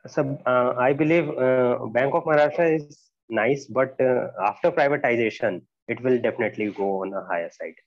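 A young man giving halting, deferential answers as a candidate in a job interview. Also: mid-range voice, no echo. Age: young adult. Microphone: earphone mic on a video call. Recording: dull lo-fi video call audio.

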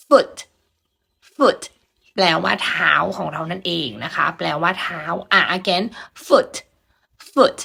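A woman teaching English pronunciation. She says each model word slowly and clearly, then explains at a brisk pace. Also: mid-range voice, pushed and bright. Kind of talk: pronunciation lesson.

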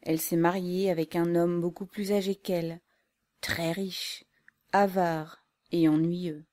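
An ardent young woman revolutionary from a spoken storybook, read by a woman, speaking earnestly and from the heart. She talks slowly in a mellow, lowish voice. The recording is dry and close. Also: no room sound.

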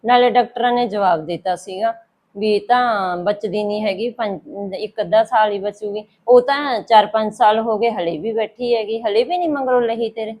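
A woman's voice: medium pitch, moderate pace, a little mellow, close to an everyday voice. A woman playing a sympathetic seamstress who chats along and agrees. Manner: agreeing, chiming in with short replies. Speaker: tailor, sister-like friend. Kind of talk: short-film dialogue.

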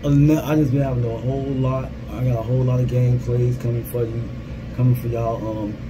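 A man in his thirties talks informally as a gaming creator updating his followers. His voice sits at a middle pitch and he circles back over his phrases. The phone recording, made in a small booth, carries clear ambient and vehicle noise. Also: little pitch movement, fast talker. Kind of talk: casual vlog update. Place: small security guard booth.

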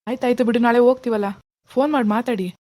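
A woman voicing a gentle, coaxing young husband. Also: fairly high pitch, fairly even intonation, rapid-fire, lightly acted. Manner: coaxing, reassuring.

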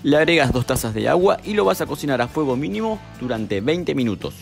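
A young man, calmly narrating a cooking recipe step by step as a voice-over, with music behind him. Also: mid-range voice, a little fast, creaky. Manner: calm step-by-step instructions. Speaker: cooking channel host.

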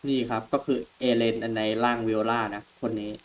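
A man's voice: mid-range voice, steady tone, brisk. A man giving chatty let's-play commentary on a horror game, laughing at the plot twists. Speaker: gameplay host. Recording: game music playing behind.

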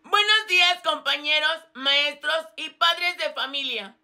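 A man's voice: very high voice, bright, forceful tone, full character voice. A man voicing an earnest, top-of-the-class teenage girl with a Mexican accent, speaking formally and carefully. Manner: formal speech-giving, slow and careful. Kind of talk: comedy sketch.

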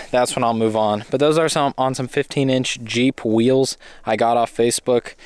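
A young man casually walking through his homemade camping trailer outdoors, chatty and relaxed, often correcting himself mid-sentence. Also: mid-range voice, smooth, dry recording. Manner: relaxed and chatty, with frequent fillers and self-corrections. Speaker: DIY trailer builder giving a walkaround. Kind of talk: casual off-the-cuff walkaround. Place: outdoors at a campsite.

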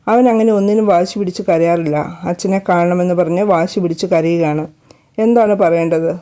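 A woman narrating a storybook episode in a calm, measured reading. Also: lowish voice.

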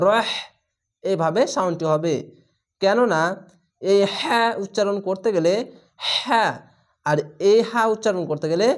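A man teaching Quran reading, slowly spelling out each word syllable by syllable. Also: high-pitched. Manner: slow, drawn-out syllable-by-syllable spelling of Arabic words. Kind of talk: spelling-out recitation lesson.

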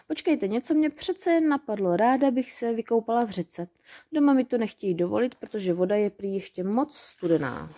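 A woman voicing a timid, well-behaved young fairy girl who talks in halting bits. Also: fairly high pitch, lively intonation, warm tone. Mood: hesitant. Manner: hesitant, halting.

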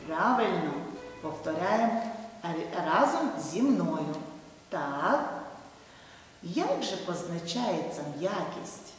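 A woman teacher speaking slowly to young children, her low-set voice rising and falling in a lively sing-song. She sounds far from the mic in a long, echoing hall, with soft music playing underneath. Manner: slow, sing-song, addresses children directly. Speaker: primary school teacher. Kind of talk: video lesson for first graders.

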